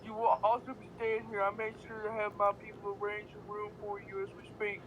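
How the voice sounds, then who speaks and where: A friend reading out a cold, bossy young man from a story, giving slow, calm commands. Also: mid-range voice, a little hiss or hum, lightly acted. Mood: calm commanding.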